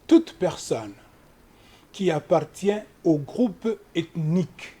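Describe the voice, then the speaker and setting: A husky man with a mellow tone speaks as a human rights lawyer guest in a studio interview. His explanations are measured and lecturing, his pitch rising and falling in a lively way, and he cites one article after another.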